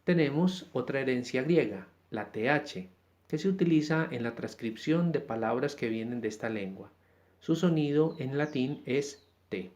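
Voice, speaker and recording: A man giving a deliberate pronunciation lesson, naming each sound and then an example word by itself. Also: mid-range voice, animated, darkish tone. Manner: spells out sounds and example words one at a time. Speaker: Latin pronunciation teacher. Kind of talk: slow, deliberate instructional explanation.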